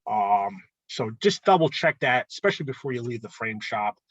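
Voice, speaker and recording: A man's voice: mid-range voice, very animated, normal speed, fairly bright tone, husky, dry recording, dull audio. Man casually explaining, checking in with "okay?". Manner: conversational, frequent "okay?" check-ins. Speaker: art club presenter. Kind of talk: casual instructional talk.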